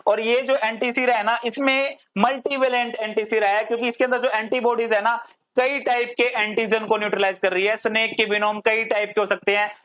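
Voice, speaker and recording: A woman's voice: medium pitch, fairly bright tone. A woman teaching a pharmacy lecture, mixing Hindi and English, asking the class questions and answering them herself, stretching out technical terms. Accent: Hindi-English code-switching. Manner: drawls long technical terms word by word.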